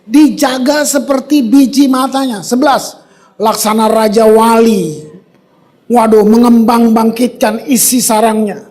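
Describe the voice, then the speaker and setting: A man preaching a sermon in a church, animated and conversational, mixing casual slang with scripture and breaking into sudden loud bursts. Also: very high voice. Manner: casual street slang mixed with scripture reading. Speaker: pastor.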